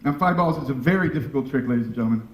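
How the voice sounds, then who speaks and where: A man's voice: medium pitch, rapid-fire. Showman juggler in an echoey hall. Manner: showman patter addressing the audience, self-mocking jokes. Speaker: stage juggler and comic. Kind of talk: live comedy juggling act. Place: indoor stage before a live audience. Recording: very echoey distant live room recording with loud noise.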